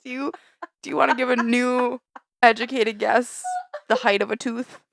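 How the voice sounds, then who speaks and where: A woman co-hosting a casual podcast, animated and exasperated, swearing freely. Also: a little high, normal speed, creaky, dry recording. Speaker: podcast co-host. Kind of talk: casual chat.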